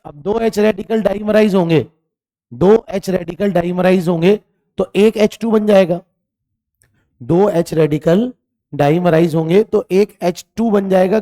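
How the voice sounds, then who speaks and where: A man's voice: high-pitched, dark tone. A man teaching chemistry in an online exam-prep class, asking questions, repeating them and scolding students for lazy answers.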